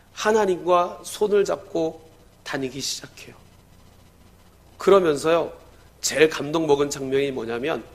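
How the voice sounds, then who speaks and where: A man preaching from the pulpit in a high voice. He tells a story as he preaches, rising to loud exclamations and then dropping to hushed lines. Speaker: pastor. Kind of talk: sermon.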